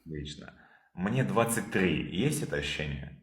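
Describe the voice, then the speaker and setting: A man leading a calm therapy session over a video call, probing with repeated questions. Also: deep voice, moderate pace, roomy sound.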